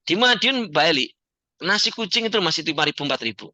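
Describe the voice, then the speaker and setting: A man giving a joking, animated motivational talk to an audience as the founder of a community. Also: a little high, quick pace, no room sound. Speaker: founder and coach of a debt-free community.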